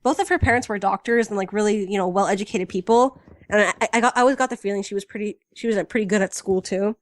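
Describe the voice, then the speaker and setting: A woman's voice: medium pitch, fast talker, no room sound, studio quality. A woman co-hosting a casual fan podcast, chatty and enthusiastic, full of fillers. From United States. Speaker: podcast co-host.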